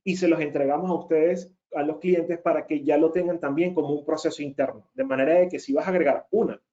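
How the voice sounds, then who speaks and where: Mellow higher-voiced man presenting a webinar. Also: steady tone, a little fast. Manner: explanatory, often checks in with the audience; emphatic repeated denials. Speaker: webinar presenter, data consultant. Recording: muffled lo-fi audio.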